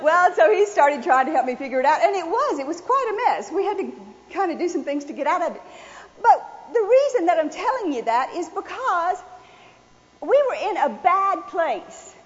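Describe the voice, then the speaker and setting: A woman preaching a sermon, telling a personal story in a folksy, animated way. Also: very high-pitched, normal speed. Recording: dull sound with long hall reverb.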